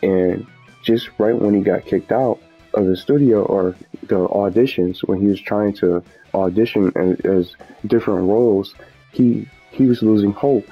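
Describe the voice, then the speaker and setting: With background music behind muffled audio, a gaming video host talks casually without a script. He has a fairly low voice with vocal fry and a breathy edge, and he rambles, repeating and correcting himself often.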